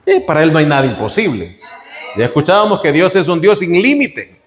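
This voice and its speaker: Animated male preacher in a reverberant hall. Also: a little high, brisk, slight background noise. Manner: animated preaching with rhetorical questions to the congregation. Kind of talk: sermon.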